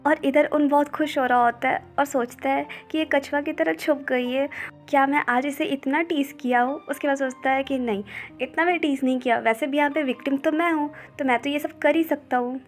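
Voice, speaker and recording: A woman with a high voice retells a comic story in a casual, running narration, linking each line with quick "then he says" turns. Soft music runs faintly behind her. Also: steady tone. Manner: brisk retelling with "he says" links.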